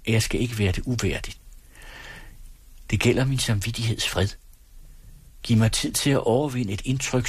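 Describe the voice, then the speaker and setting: A man reading the lines of an earnest, secretive young bride in a husky, solemn, pleading voice. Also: fairly low pitch, no room sound. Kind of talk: audiobook dialogue reading.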